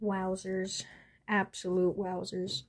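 Gushing slow-talking young woman collector. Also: medium pitch, completely flat delivery, a little hiss or hum. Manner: gushing, breathless, trailing off and restarting. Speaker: toy collector vlogger. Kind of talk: excited unboxing vlog.

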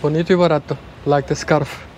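A man's voice: fairly high pitch, fairly even intonation, fast, crowd noise. A man in his thirties from Argentina, a vlogger chatting and joking to the camera on a handheld camera while walking a busy city street. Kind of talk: casual vlog chat.

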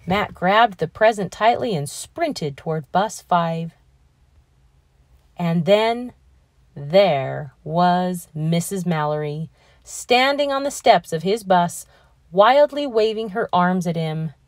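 A woman reading a children's picture book aloud in a measured, expressive storytelling manner. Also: on the low side, no echo, clean studio sound. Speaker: read-aloud narrator.

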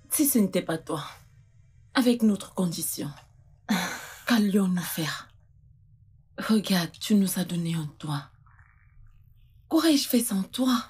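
A woman's voice: lowish voice, a little mellow, slightly rough, heavily acted. An actress dubbing a grieving mother of a missing daughter, speaking with strong emotion. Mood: grateful. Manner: emotional, accusing and grateful by turns. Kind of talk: dubbed film drama.

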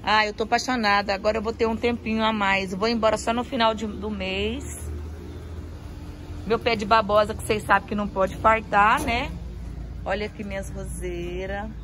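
A woman's voice: medium pitch, steady tone, moderate pace, a bit bright, a little hiss or hum, low-quality recording. A woman giving a casual garden tour for her vlog outdoors, gushing over each plant and repeating her praise as she films on a handheld phone. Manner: effusive, admiring, repeats praise often.

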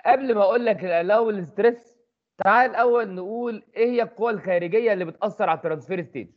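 A man with an Egyptian accent runs through a lecture at a quick clip, his voice pitched high for a man. He keeps asking rhetorical questions and answering them himself. The recording sounds dull and lo-fi. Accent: Egyptian Arabic. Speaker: engineering tutor.

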